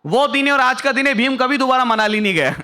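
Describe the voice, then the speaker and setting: A man's voice: very high voice, a little fast, background noise. A young man performing a stand-up comedy set on stage, telling a story and acting out the other people in it. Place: stage before a live audience.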